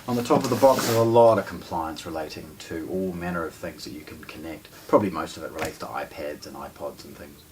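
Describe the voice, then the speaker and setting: A man in his forties with a New Zealand accent and an extremely low voice unboxes a product for a hi-fi shop, explaining informally and pausing mid-sentence. He's in an indoor room with shelves of discs and a wooden table, recorded on a distant mic with noticeable background noise.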